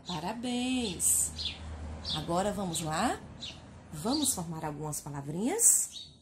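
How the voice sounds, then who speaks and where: A first-grade teacher from Brazil with a northeastern Brazilian Portuguese accent speaks slowly and in a sing-song way, sounding out syllables and praising young children in a recorded phonics lesson. Her pitch is fairly low, and there is background noise.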